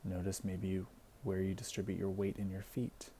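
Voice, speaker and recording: A deep, mellow male voice with noticeable fry guides listeners through a body scan, delivering soothing instructions in a flat manner. He pauses deliberately between phrases, and a faint noise sits under the recording.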